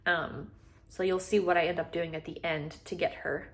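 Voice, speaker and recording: Lowish-voiced woman telling a rescue story casually. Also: fairly even intonation, normal speed, fairly bright tone. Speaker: dog rescuer narrating her own rescue.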